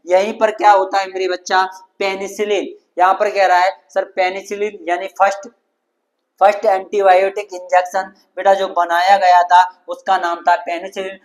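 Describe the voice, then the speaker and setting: A young man teaching an exam-prep lesson in speech, quizzing students with call-and-response questions and repeating the answers, often calling them his dear children. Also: high voice. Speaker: coaching teacher.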